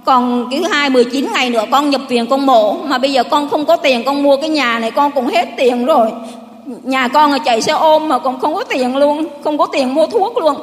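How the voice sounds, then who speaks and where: A woman's voice: high voice, brisk. A middle-aged woman gives a rambling, heartfelt church testimony. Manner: rambling, heartfelt storytelling with many restarts. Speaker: parishioner giving testimony. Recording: long hall reverb.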